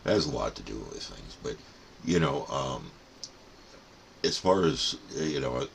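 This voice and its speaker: A very deep, creaky voice with a sing-song lilt comes from an older man talking a little slowly, with slight background noise. He's a plain-spoken radio hobbyist and channel host giving a casual, rambling, folksy explanation.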